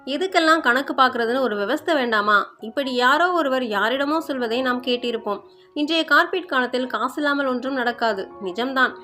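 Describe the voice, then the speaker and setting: A woman narrating a story in a measured, reflective way. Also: high voice, pushed and bright, soft background music.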